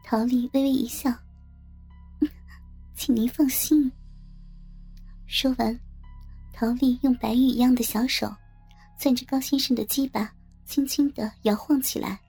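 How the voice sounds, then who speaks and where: Brief: high, husky female narrator for an erotic audio story, warm and creaky, faint music behind. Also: steady tone. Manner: slow, soft, intimate storytelling.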